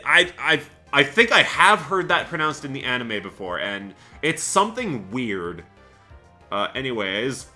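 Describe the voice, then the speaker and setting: A man talks through his game run in a chatty, thinking-aloud way and breaks into laughter often. His voice is very bright and sharp, and his pitch swings widely. Faint game music plays underneath. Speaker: Let's Play host. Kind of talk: gameplay commentary.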